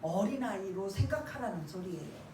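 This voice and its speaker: A woman pastor giving a sermon. She asks the congregation questions and waits for their answers, and drops to a hushed voice when she acts out a prayer. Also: mid-range voice, animated, moderate pace, slight background noise. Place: church sanctuary. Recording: echoey church room, mic at a distance.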